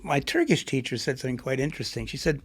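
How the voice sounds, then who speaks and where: In a conversational interview, a middle-aged poet and author rambles reflectively as he thinks out loud. His medium-pitched voice is sing-song and fast, with a breathy edge.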